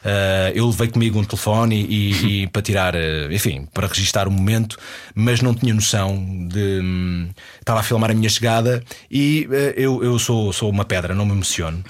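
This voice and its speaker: A man's voice: lowish voice, brisk. A man with a European Portuguese accent, chatting as a guest and telling a story with many restarts and dry jokes. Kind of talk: casual chat.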